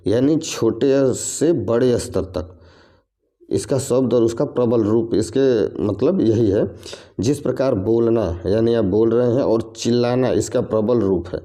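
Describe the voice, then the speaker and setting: Male exam-prep tutor, low and very mellow, patient and repetitive, walking through each question. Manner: explains step by step, repeats each question and its options. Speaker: exam coaching teacher. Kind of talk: reasoning lesson for competitive exams.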